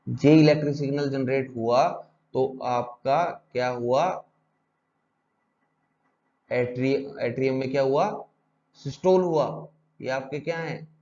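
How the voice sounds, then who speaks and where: Male teacher, mellow tone, muffled lo-fi audio; drills terms with repeated questions. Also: mid-range voice, takes it slowly, long pauses. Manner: repetitive drilling with rhetorical questions. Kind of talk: exam-prep lecture.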